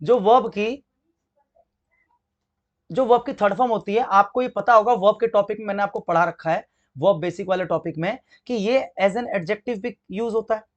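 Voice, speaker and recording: A man teaches an exam-prep English grammar lesson in Hindi, with an accent from it. He asks his class questions and answers them himself while spelling words out slowly. His voice is high, and the sound is lo-fi.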